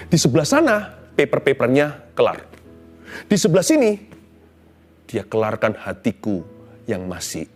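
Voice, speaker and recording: A middle-aged pastor with a mid-range voice preaches a sermon built around a personal story. He swings animatedly between loud exclamations and hushed tones, mixing in English phrases.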